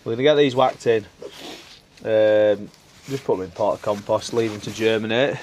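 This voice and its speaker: This casual vlog features a man speaking at normal speed in a lowish, steady, slightly mellow voice as he works outdoors on his allotment and in a greenhouse. He chats on in a rambling way with filler words, over slight background noise.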